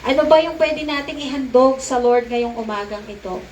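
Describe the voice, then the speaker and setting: High-voiced Filipino woman preaching in echoey hall. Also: a little mellow, far from the mic, slight background noise. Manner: preaching with call-and-response, slowing to stress scripture. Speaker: pastor. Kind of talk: sermon. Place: church sanctuary.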